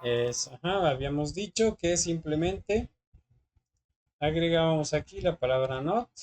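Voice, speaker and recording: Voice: mid-range voice, animated, measured pace, darkish tone, a little hiss or hum. A teacher, patiently explaining English grammar in class and often checking that students follow. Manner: patient, often checks understanding with short questions.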